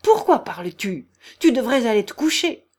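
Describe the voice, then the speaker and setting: Woman reader doing angry old noble lady, high and shrill, bossy scolding. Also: very animated, moderate pace. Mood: alarmed scolding. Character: furious older noblewoman, domineering and scolding. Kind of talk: audiobook character voice.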